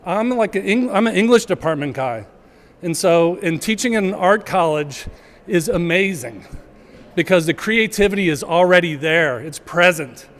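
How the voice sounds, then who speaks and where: A man with a notably high voice addresses a gallery gathering in a relaxed, unscripted way. He pushes his voice out to reach the room and pauses often to find his words. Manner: projecting to a room, hesitant with fillers. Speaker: college department chair giving remarks. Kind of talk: casual public remarks. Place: art gallery event, indoors.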